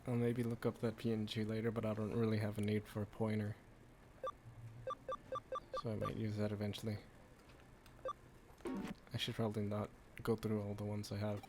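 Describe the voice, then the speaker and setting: A man's voice: fairly low pitch, monotone, moderate pace, pauses often, background noise. A man doing casual game stream commentary, rambling and thinking aloud as he plays. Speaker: streamer playing a video game. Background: game music.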